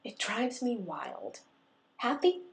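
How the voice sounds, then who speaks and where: A woman voicing a shy but quick-tongued young woman barista, her voice lifted higher than her narration. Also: animated, a little mellow, slight background noise, close to an everyday voice. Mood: flustered.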